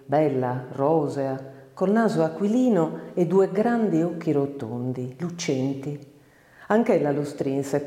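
A woman giving a measured, expressive literary reading of a short story, recorded with a roomy echo. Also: low-pitched. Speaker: audiobook narrator. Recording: roomy reverberant room.

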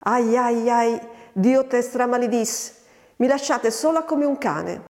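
A woman's voice: medium pitch, animated, normal speed, natural voice. A woman voicing a blind, deaf, paralyzed old grandmother who complains and curses, recorded with a long reverb. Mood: lamenting. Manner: complaining, cursing.

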